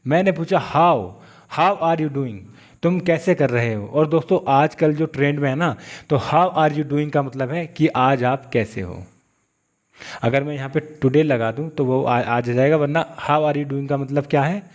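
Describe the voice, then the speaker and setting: A man's voice: on the high side, measured pace. Man teaching English grammar step by step. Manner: repetitive, restarts phrases, explains step by step. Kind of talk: classroom-style grammar lesson.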